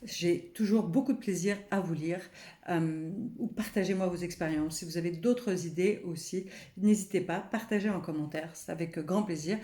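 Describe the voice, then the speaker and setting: A woman speaking French as a personal development coach, guiding listeners gently with many pauses and fillers. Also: on the low side, roomy sound. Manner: soft, unhurried, guiding with many fillers and restarts; counts slowly through a breathing exercise. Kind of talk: gentle personal growth video talk.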